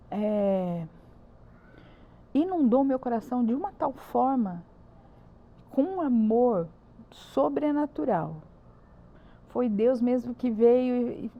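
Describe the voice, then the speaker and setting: A woman's voice: on the high side, lo-fi sound. A woman with a Brazilian Portuguese accent, a church ministry leader giving an earnest, emphatic personal testimony as a podcast guest. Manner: earnest and emphatic, repeats words for stress.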